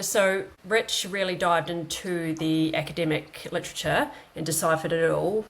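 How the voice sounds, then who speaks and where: Kiwi woman late 30s, strong nz accent, lowish voice, chatting about herself as a guest. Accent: broad New Zealand. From New Zealand. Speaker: guest, paramedic. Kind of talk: conversational personal storytelling.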